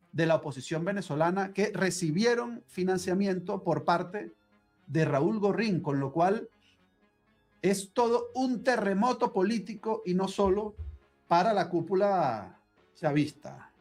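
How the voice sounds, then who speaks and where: Male commentator, high voice, emphatic breaking-news delivery, light music under. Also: darkish tone.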